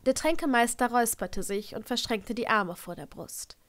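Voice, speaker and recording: A woman narrating a fan-fiction audiobook in a calm, even storytelling voice. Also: a little high, normal speed. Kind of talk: reading fan fiction aloud.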